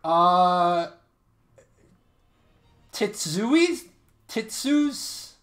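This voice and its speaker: Man, thirties, high voice, joking streamer, casual chat with viewers. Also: animated, drawn-out words, a bit bright, faint music behind. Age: 30s. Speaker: streamer running giveaways.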